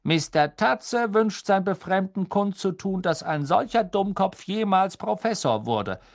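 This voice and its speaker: A man's voice: high-pitched, animated, measured pace, pitched above the performer's own voice. A man voicing a taunting enchanted map. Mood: mocking. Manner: mock-polite, taunting. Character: mocking enchanted map, cheeky male pranksters' voice.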